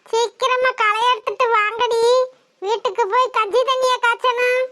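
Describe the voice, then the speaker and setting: A woman's voice: very high-pitched, steady tone, moderate pace, bright, forceful tone. A woman voicing a bossy, teasing old village grandmother in a cartoon, scolding and fond by turns. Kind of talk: cartoon voice acting.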